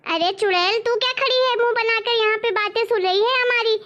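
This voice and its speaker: A woman's voice: very high voice, fairly quick, bright, forceful tone, highs cut off. A woman playing a proud, bossy mother-in-law who scolds indignantly, in a family drama. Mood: scolding.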